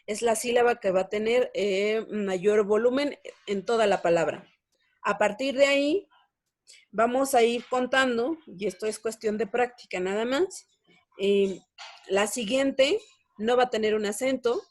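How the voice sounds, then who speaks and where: A young woman teaching a language lesson, explaining step by step and checking in with her students. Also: a little high. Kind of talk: online lesson.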